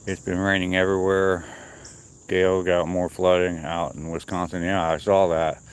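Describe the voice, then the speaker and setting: A man walking and talking on a wooded trail outdoors, chatting casually and unscripted to his viewers, with pauses. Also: low voice, level tone, clean tone. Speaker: livestreamer on a morning walk. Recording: outdoor noise, insects and nature ambience.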